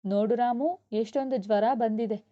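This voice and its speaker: A woman's voice: fairly high pitch, steady tone, normal speed, warm tone, natural voice. Woman voicing a stubborn little girl. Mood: cheeky. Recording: dull lo-fi.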